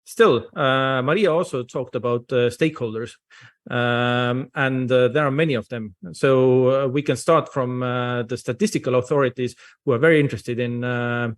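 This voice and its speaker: A man's voice: medium pitch, fairly even intonation, moderate pace. A man from Estonia, English speaker, giving a conference presentation over a video call with many hesitant fillers. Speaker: invited speaker.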